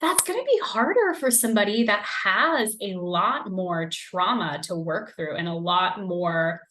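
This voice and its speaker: A woman's voice: medium pitch, expressive, unhurried, fairly bright tone, rough recording. A young woman, hosting a podcast and talking casually as a recovery coach, with plenty of "like" and "um". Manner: casual, conversational, frequent "like" and "um". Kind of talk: solo podcast talk.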